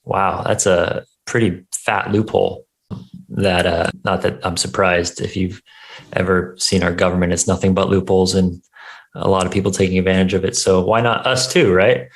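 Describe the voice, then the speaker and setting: Low-voiced man, casual show host. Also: flat delivery, normal speed, low-quality recording. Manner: informal, conversational. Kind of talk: casual interview chat.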